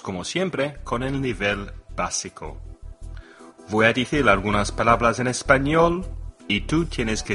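A man hosting a bilingual English lesson podcast, leading slow, deliberate vocabulary drills with lots of repetition. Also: on the low side, bright, forceful tone. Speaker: English teacher and podcast host.

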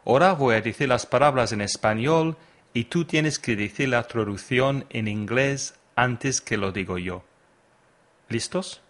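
A man's voice: medium pitch, unhurried, fairly bright tone. A man hosting a podcast lesson, teaching vocabulary and patiently prompting the listener to repeat words after him. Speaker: language teacher and podcast host. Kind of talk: slow, deliberate English lesson with drills.

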